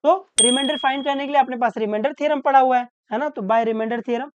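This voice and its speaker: A woman teaching maths step by step, asking questions and answering them herself, and slowly dictating each formula. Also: high-pitched, fairly even intonation, noisy background. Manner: asks questions then answers them, often adds "isn't it?". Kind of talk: step-by-step lesson while writing. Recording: dull, muffled sound.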